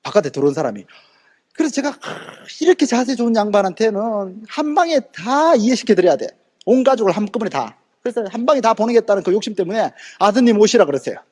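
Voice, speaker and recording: Motivational speaker, male, high husky voice, fiery storyteller who acts out every quote. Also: big pitch swings, quick pace, darkish tone. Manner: addresses audience directly with rhetorical questions. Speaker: direct sales motivational speaker.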